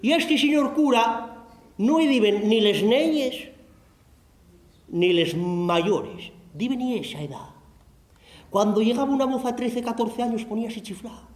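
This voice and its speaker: High-voiced Asturian storyteller in an echoey room. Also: male voice, unhurried. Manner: earthy and animated. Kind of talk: comic folk storytelling.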